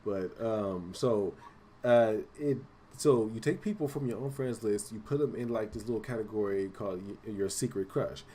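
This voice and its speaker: A man in his late twenties co-hosts a casual gaming podcast, his voice sitting low. He rambles through his points with plenty of fillers and casual profanity. A faint hiss of noise sits under the recording. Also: normal speed, warm tone. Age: late 20s. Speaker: podcast co-host. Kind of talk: casual chat.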